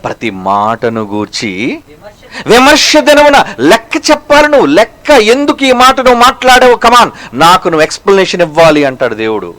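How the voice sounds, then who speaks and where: High, animated preaching man. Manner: preaching with repeated rhetorical questions to the listeners; slows down for emphasis, swings between loud and hushed. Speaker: pastor. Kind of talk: sermon.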